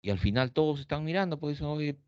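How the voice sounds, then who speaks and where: A man's voice: a little high, lively intonation, very fast, a little mellow, no room sound. A man, a literature teacher retelling a story in a chatty lecture, often tagging his sentences with questions. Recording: dull lo-fi dry recording.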